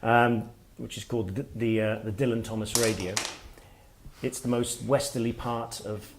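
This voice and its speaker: A middle-aged man, an author giving a workshop talk, speaking in a reflective, halting way as he thinks aloud. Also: mid-range voice, fairly even intonation, noisy background. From Wales. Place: workshop room with listeners.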